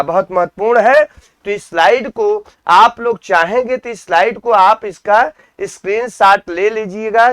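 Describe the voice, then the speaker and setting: A man's voice: sits high, fairly bright tone, no room sound. A man teaching an exam-prep grammar lesson, repeating key terms and asking his students questions that he answers himself.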